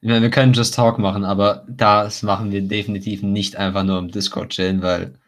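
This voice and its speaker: A young man with a low voice and a smoker's rasp chats casually on a podcast. He teases his co-host and drops English slang into loose, informal banter. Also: level tone, brisk. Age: teenager or young adult. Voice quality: raspy, like a smoker's voice.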